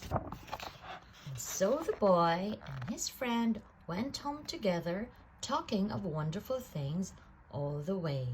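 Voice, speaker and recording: A woman with a mid-range voice reads a children's picture book aloud, expressive and deliberate, stretching out words for effect. The audio is poor, with a slight hiss or hum.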